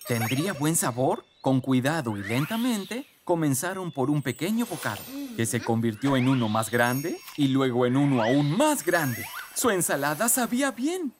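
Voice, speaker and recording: A storyteller reading a children's story aloud in a lively, expressive way. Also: medium pitch, moderate pace, few pauses, background noise. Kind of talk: scripted narration of a children's story. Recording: music playing behind.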